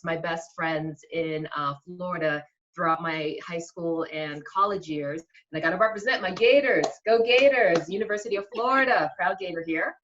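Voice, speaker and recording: An enthusiastic woman tells her story as a guest, full of ums and warm excitement. Her voice sits fairly low and comes through a dull, muffled connection. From Queens, New York. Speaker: guest, small business owner. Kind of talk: casual interview.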